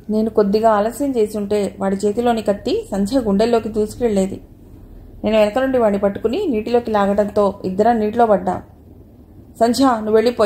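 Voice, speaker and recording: A woman narrating an audiobook novel in a calm, steady storytelling manner. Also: medium pitch. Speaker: audiobook reader.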